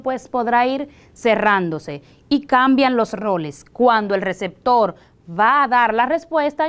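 Slow, deliberate Dominican woman teacher. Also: fairly high pitch. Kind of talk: televised language lesson.

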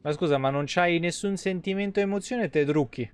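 An Italian live game streamer delivers colloquial, rambling commentary into a close desk microphone in a small indoor streaming room. His voice is high and clean, and he talks briskly.

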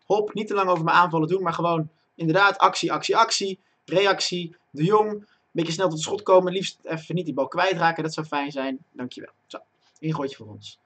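A young male streamer talks through his football game live and chats with his viewers. His voice sits a little high and sounds husky, and he talks to a desk microphone. At chances he breaks into loud, excited shouting. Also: fairly quick. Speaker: gaming streamer. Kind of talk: live gameplay commentary.

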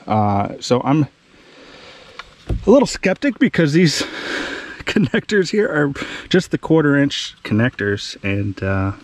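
A man's voice: fairly high pitch, sing-song, slow, pauses often. A man hosting a do-it-yourself video outdoors in a wooded yard, explaining his project in a plain conversational way with fillers, recorded on a body-worn camera. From Ohio. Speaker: DIY outdoors channel host. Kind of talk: casual how-to explanation.

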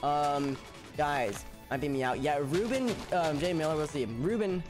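A young man streams a game live from a room at home, chatting casually with viewers over a headset while music plays. His voice is on the high side and a little slow, and he stutters often and repeats words.

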